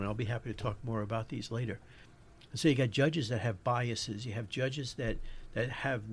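A man's voice: medium pitch, a little mellow. A man with a New York accent hosting a podcast, giving an informal lecture as he searches for his words. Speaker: podcast host.

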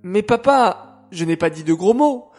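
A man's voice: high-pitched, lively intonation, a little slow, faint music behind. A man voicing a grumpy young boy who mumbles and complains in a children's story. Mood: protesting. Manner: sulky, grumbling, loud bursts.

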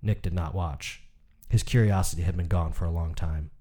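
A man giving a scripted literary narration, reading in a measured, unhurried way. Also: sits low, mellow.

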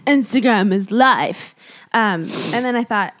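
A young woman co-hosting a podcast, chatting casually, playful and quick to laugh. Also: mid-range voice. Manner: playful, laughs often, jokey put-on voices. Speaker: podcast co-host. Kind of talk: casual chat.

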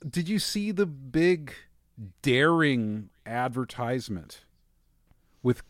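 A man's voice: medium pitch, very animated, slow, no room sound. Easygoing male podcast host, dry sound. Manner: easygoing, wry, a little hesitant. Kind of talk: casual podcast banter.

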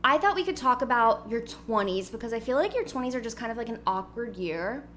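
A woman in her twenties hosts a laid-back podcast from home before heading to a party, her fairly high, a-bit-bright voice expressive and a little fast. She rambles cheerfully with plenty of giggles. Electrical hum adds noise to the audio.

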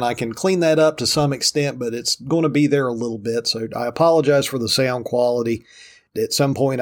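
A man with a Southern US hillbilly drawl hosting a podcast solo, talking casually in a folksy, self-deprecating way. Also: mid-range voice. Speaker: podcast host. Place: room in a rented house.

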